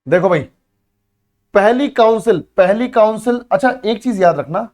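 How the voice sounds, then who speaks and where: A man's voice: high-pitched, expressive, moderate pace, darkish tone. A man teaching an exam-prep history lesson at a board, repeating key words and asking his students questions that he then answers himself. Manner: repeats key words for drilling, calls students beta and bhai.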